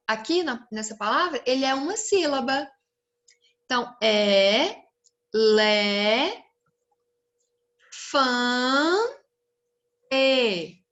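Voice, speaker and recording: A woman's voice: high voice, fairly bright tone. A young Brazilian woman teaching a recorded lesson to children, stretching out words and asking the pupils questions. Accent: Brazilian Portuguese.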